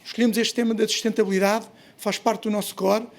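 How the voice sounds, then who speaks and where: A man's voice: high voice, flat delivery, fast talker. A man with a European Portuguese accent gives a hesitant, semi-spontaneous welcome speech as event host, often repeating words. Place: office event space.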